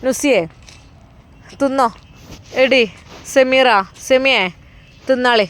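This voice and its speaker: Woman doing a kind old mother, Malappuram accent, coaxing and affectionate, higher-pitched voice. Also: steady tone, slow, fairly bright tone. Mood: fond. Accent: Malappuram Malayalam. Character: kind older mother-in-law, motherly and fussing.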